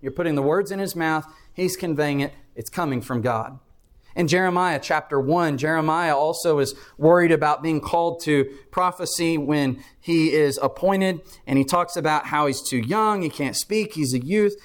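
A man's voice: on the high side, moderate pace. A man preaching a Bible class sermon, explaining step by step and repeating key phrases for emphasis.

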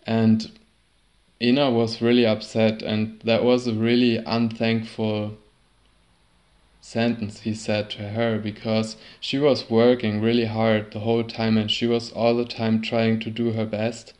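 A man recounts a personal story at an unhurried pace. His voice stays fairly flat, and he often stumbles, restarts and repeats words as he searches for what to say. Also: fairly low pitch. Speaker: sailor recounting a trip.

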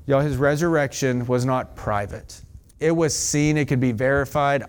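Excited man preaching a sermon. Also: on the high side. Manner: excited, fast-talking preaching with asides to the congregation. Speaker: pastor. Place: church.

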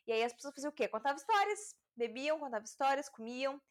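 A woman's voice: high voice, lively intonation, fast. A woman hosting a homemade podcast from home late at night, reading fairy tales and commenting on them in a casual, irreverent way, swearing often and laughing at herself. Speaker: podcast host. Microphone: home mic.

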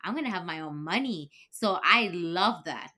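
A woman's voice: on the low side, animated, normal speed, crowd noise. A young woman from Ecuador hosting a podcast interview, chatting casually and often checking in with "right?". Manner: affirming, many "right?" and "mm-hmm". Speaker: podcast host.

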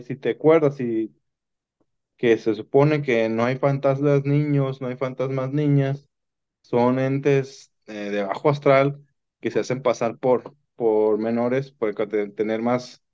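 A man's voice: mid-range voice, steady tone, takes it slowly, darkish tone, clear, resonant tone. A man with a Mexican Spanish accent, rambling through paranormal stories in casual chat and restarting his sentences often. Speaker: podcast guest telling paranormal stories. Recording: dull lo-fi sound.

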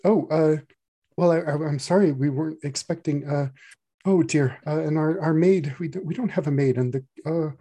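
A man's voice: a little high, moderate pace, warm tone, voice pushed up, lightly acted. A man voicing a harried young mother who stammers through flustered apologies.

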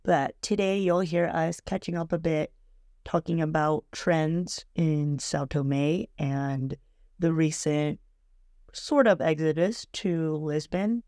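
A woman who is a native English speaker hosting a casual podcast, mixing in halting, learner-level Portuguese with an English accent. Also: low voice, darkish tone, dry recording, clean studio sound. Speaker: podcast host.

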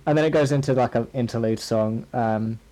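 A man's voice: medium pitch, brisk, dark tone, poor audio. A man co-hosting a podcast, chatting casually with lots of ums and restarts. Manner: rambling, hesitant, fillers. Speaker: podcast co-host. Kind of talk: casual chat.

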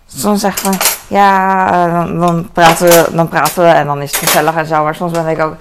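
A woman chatting casually in a rambling way while she tidies her kitchen. She fills her talk with pauses and restarts and drops in English phrases. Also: fairly low pitch, flat delivery, noisy background. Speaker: vlogger. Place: home kitchen. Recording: kitchen clatter of dishes and cutlery.

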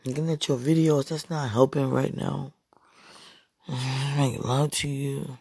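A woman lying in bed, talking into a phone held right at her lips. Her voice is husky and gravelly, and she lets it sink into breathy whispers and long sighs as she leaves a late-night voice message. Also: extremely low pitch, level tone, slow pace, mellow, dry recording, studio quality. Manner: breathy, sighing, drifts between murmurs and whispers. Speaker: partner leaving a voice message. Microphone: phone held right at the mouth.

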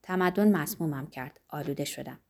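A woman's voice: sits low, dark tone, voice pushed down. A woman reading an audiobook, voicing a troubled, brooding young man who is grim and weary. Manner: grim, weary, bursts into anger.

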